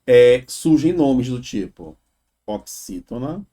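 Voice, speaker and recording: A man's voice: mid-range voice, big pitch swings, mellow. A man teaching an exam prep grammar lesson, explaining step by step and checking in with "né?" and "tá?". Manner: explains slowly, drawing out example words, frequent "né?" and "tá?".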